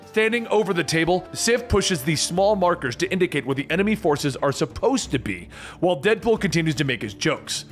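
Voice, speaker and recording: A man's voice: on the high side, big pitch swings, a little fast. A man narrating a comic-book story in a dramatic, scripted style. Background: music bed.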